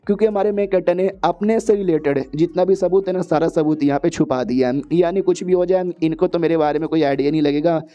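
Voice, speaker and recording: Guy narrating a comic recap, chatty and slangy, fairly high mellow voice. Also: brisk, few pauses. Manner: chatty, slangy, sprinkled with English.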